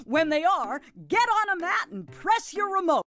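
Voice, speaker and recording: A woman's voice: very high voice, sing-song, moderate pace, fairly bright tone, faint music behind, heavily acted. A woman voicing a jolly, doting, slightly nutty grandmother who hosts a children's game in a folksy, gleeful, exclamatory way. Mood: cheerful, instructive. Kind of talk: animated children's game narration.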